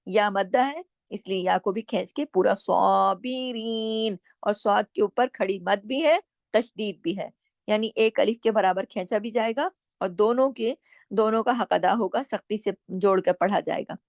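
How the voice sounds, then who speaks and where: A woman teaching Tajweed, explaining each recitation rule patiently and drawing out the verses slowly. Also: medium pitch, creaky, a little mellow, no room sound. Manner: patient, explains each rule step by step with repeated questions and answers.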